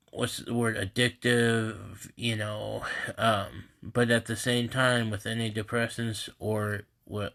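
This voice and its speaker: Congested guy, kinda low voice, super slow, rambling and halting on a phone live stream at home. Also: fairly bright tone. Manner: halting and rambling, many restarts. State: congested, stuffy nose. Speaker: host of a live group stream. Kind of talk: casual live-stream talk. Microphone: phone camera.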